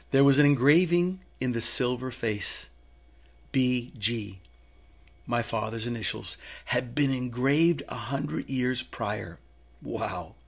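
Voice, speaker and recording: A man in the role of a minister, delivering a short devotional with an earnest, storytelling manner. His voice sits in an ordinary middle register and carries a gravelly, creaky texture. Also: mid-range voice, a bit bright.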